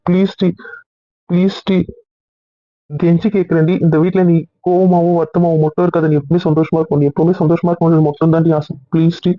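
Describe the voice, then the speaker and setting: Man voicing a pleading young husband, very fast, high flat voice; lo-fi audio drama. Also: no echo, natural voice. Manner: rapid, pleading. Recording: dull lo-fi dry recording.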